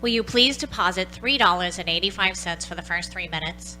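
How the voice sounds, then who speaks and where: Woman acting brisk, sharp-voiced telephone operator. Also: fairly low pitch, faint music behind, rough recording. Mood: impersonal, insistent. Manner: clipped, procedural, detached. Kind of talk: old-time radio play acting.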